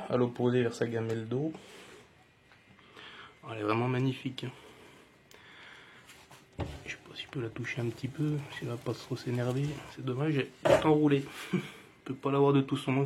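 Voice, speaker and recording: A man with a Jura French accent casually presenting his pet snake on his channel, relaxed and hesitant with many fillers. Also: medium pitch, slight background noise. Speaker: reptile keeper and channel host. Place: indoors beside a terrarium.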